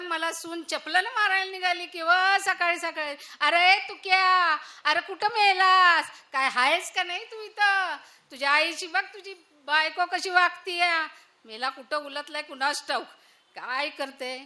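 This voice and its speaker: Cantankerous old village mother-in-law, played by a woman, high bright voice. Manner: grumbling, loud calls and complaints. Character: older village mother-in-law, scolding, self-pitying. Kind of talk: solo stage monologue.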